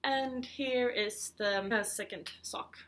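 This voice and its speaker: A Swedish podcast host in her thirties takes it slowly as she chats casually, a touch hesitantly, about knitting in her living room at home. Her Swedish-accented voice is fairly high-pitched and a bit bright.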